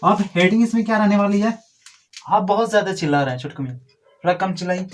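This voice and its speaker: A man's voice: sits high, quick pace, a little hiss or hum. A man teaching a grammar lesson to a class, drilling and correcting pupils in a scolding, repetitive way.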